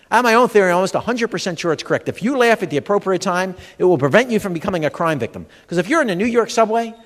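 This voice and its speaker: An animated, high-pitched male comedian and humor educator delivers a stand-up comedy talk to a live audience in a large expo hall. He tells stories, acts out dialogue, and addresses listeners, and the audio has long hall reverb.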